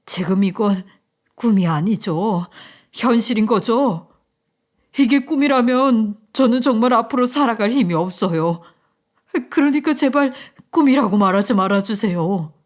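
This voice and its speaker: A woman voicing a young orphaned male parking attendant, humble and restrained, speaking lower and quieter than her narration. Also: expressive, unhurried. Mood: pleading. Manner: lowered, quiet, subdued delivery.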